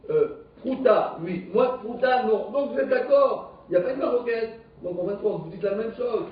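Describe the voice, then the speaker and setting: A man who teaches a live Talmud class, lively and questioning, explaining the text step by step. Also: very high-pitched, moderate pace. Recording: distant echoey dull live stream.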